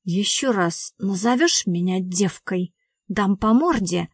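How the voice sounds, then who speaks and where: Sarcastic, sharp-tongued young woman, as a reader puts her on. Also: fairly high pitch, lively intonation, a little slow, no room sound, studio quality. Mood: hissing. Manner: sarcastic, hissing. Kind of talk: audiobook dialogue reading.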